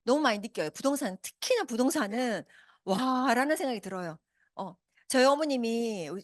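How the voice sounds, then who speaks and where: A lively woman in her fifties presents at a business meeting, her pitch rising high and swinging widely as she questions the crowd. She talks quickly and keeps her delivery upbeat. The sound is dry and close, with no room echo. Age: 50s. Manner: animated, asks the audience many questions. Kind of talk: motivational seminar talk. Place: meeting hall with a live audience.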